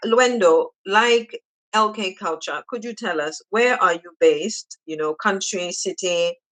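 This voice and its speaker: A podcast host leads the interview in an effusive way and keeps repeating praise. The voice sits at a middle pitch and never goes high or low. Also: a little slow, fairly bright tone, low-quality recording. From Zambia.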